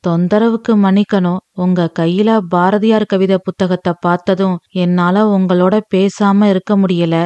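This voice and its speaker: A woman's voice: medium pitch, steady tone, measured pace, few pauses, dark tone, no echo, muffled recording, natural voice. A woman reading an audiobook, voicing a polite, earnest young male poet. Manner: courteous, earnest.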